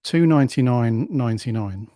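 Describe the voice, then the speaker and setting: Mellow-voiced man, easygoing podcast chat. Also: mid-range voice, lively intonation, normal speed, dry recording, studio quality. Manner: easygoing, enthusiastic fan talk. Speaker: podcast co-host. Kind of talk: casual chat.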